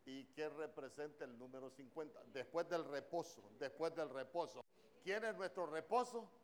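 Fervent male preacher, rising pitch. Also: moderate pace. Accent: Honduran Spanish. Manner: animated, questioning the congregation. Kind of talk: sermon. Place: church.

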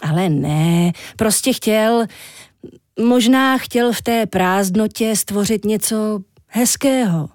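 Žena hrající mrzutého mladíka Antyho. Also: female voice, medium pitch, darkish tone, dry recording, studio quality, close to an everyday voice. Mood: plain. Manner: grumbling, complaining. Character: grumpy young man Anty.

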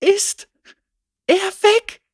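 A man reading a story aloud and voicing a frightened young girl in a very high, shrill voice. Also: fairly even intonation, a little slow, a bit bright, no echo, studio quality. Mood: shaken.

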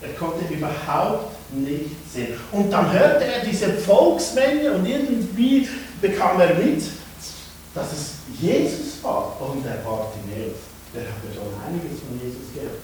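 A man preaching to children at a family service, telling a Bible story with lively acted-out voices. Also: a little high, slight background noise. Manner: animated storytelling, acting out shouts and hushes. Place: church. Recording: echoey church from far off.

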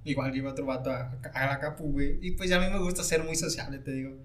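In a medium-pitched voice and at a quick pace, a Mexican-accented private driver chats casually. He's a lively storyteller who performs the voices of the characters in his anecdotes.

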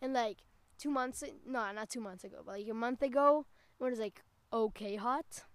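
A woman's voice: on the high side, moderate pace, no echo. A young woman co-hosting a casual podcast, rambling with lots of "like" and stopping to correct herself. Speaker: podcast co-host. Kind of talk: casual chat.

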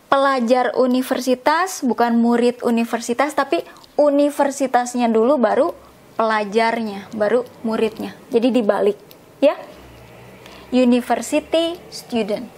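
A woman with a high voice gives a language lesson at an unhurried pace. She explains patiently, repeats each word slowly and checks in with her listeners as she goes. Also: darkish tone. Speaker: English teacher.

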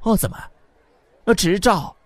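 Man voicing a shrill frantic grieving mother. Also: big pitch swings, normal speed, no room sound, some chatter behind. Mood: frantic wailing. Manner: wailing, shrill, pleading.

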